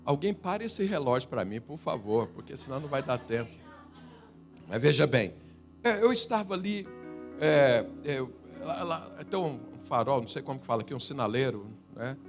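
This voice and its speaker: A man with a Brazilian Portuguese accent preaching a sermon, telling stories and swinging between loud emphatic lines and quiet asides. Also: medium pitch, big pitch swings, normal speed, faint music behind. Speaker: pastor. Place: church.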